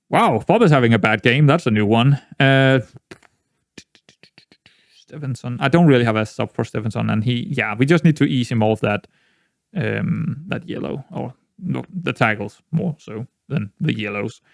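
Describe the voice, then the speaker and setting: A young gaming YouTuber, a native Danish speaker with a Danish accent, chats casually while playing a football management game, rambling, restarting often, and bursting into excited outbursts. His mid-range voice is creaky, and the studio-quality recording has no room sound.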